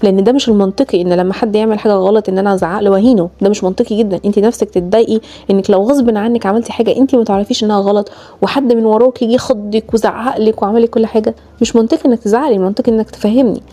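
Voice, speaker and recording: This mother, with an Egyptian Arabic accent, races through her earnest parenting advice to other mothers, addressing viewers straight to camera. Her medium-pitched voice has a dark tone and fairly even intonation.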